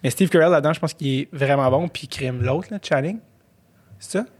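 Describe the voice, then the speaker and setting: A man's voice: on the high side, a little fast, a little mellow. A man with a Québécois French accent in casual podcast chat, rambling with many fillers and restarts.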